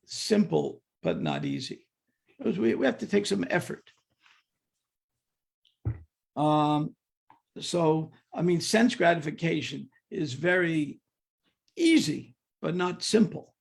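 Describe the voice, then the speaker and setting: An older man leads a devotional scripture class, blending humorous personal stories with questions to the audience and often stumbling over repeated words, with many "and, and" restarts. His voice is on the high side and sing-song, with vocal fry, a slow pace, and long pauses.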